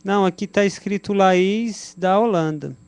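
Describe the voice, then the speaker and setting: A man with a Brazilian Portuguese accent, hosting a church broadcast, chatting casually and relaxed as he sends greetings to viewers, stumbling over names. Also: high-pitched, normal speed, clean tone, dry recording. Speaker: service host. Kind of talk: casual live-stream shout-outs.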